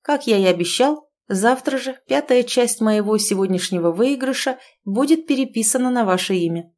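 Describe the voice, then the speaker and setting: A woman voicing a calm, scheming young captain who speaks quietly and evenly. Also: on the high side, lightly acted. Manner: quiet, measured.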